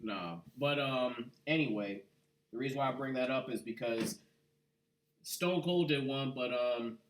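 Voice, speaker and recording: A man co-hosting a casual podcast chat, talking in a rambling, animated way full of asides. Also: medium pitch, unhurried, slight background noise. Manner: rambling, animated, full of "you know what". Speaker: podcast co-host. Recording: echoey room, far from mic.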